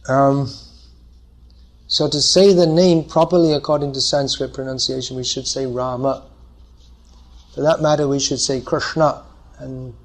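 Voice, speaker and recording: A man teaching a scripture class, taking questions from the audience. He explains patiently and thinks aloud as he goes, at an ordinary pitch for a man. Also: creaky.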